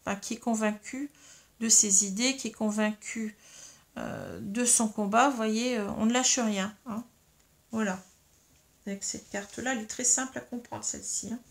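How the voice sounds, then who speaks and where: A woman giving a tarot reading to her viewers, explaining each card slowly with many fillers and tags, with a slight frog in her throat. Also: a little high, expressive, vocal fry. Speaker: tarot reader.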